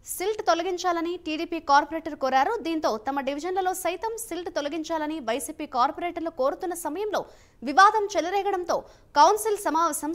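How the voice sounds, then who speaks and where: A woman news anchor reading a formal bulletin in a crisp studio delivery, then handing over to a reporter. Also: very high-pitched.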